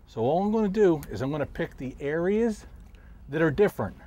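A man's voice: on the high side, brisk. Middle-aged man explaining fishing on a boat. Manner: calm, explanatory, talks while casting. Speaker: professional angler, fishing show host. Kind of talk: instructional fishing commentary. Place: outdoors on a boat on a river. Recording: faint outdoor noise.

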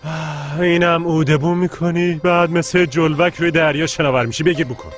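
A man's voice: on the high side, steady tone, faint music behind, lightly acted. A man dubbing a playful young man in a TV comedy drama, talking in a coaxing, mock-soothing way.

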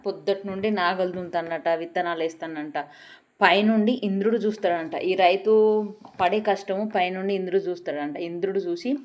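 Low-voiced woman telling a folk tale. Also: fairly even intonation, a little fast, a little mellow. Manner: repetitive, emphatic narration. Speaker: vlogger storyteller. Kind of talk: oral folk storytelling.

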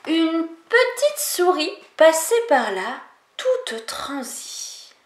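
Une enseignante lit un conte aux enfants avec une diction lente et expressive. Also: female voice, extremely high pitch, echoey room. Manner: slow, expressive, melodic. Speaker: teacher reading aloud. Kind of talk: storybook reading for children.

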